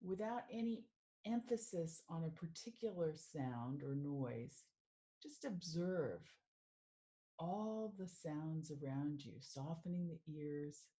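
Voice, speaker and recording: A woman working as a mindful living coach, leading a guided meditation in a calm, soothing way. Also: deep voice. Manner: slow, calm, soothing guidance.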